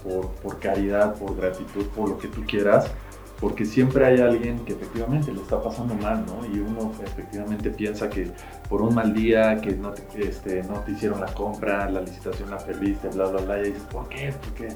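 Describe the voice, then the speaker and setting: A man's voice: lowish voice, fairly even intonation, normal speed, echoey room, over music, rough recording. A man, hosting a podcast and asking long, rambling questions. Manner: rambling, filler-heavy questions. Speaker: podcast host. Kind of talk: casual interview talk.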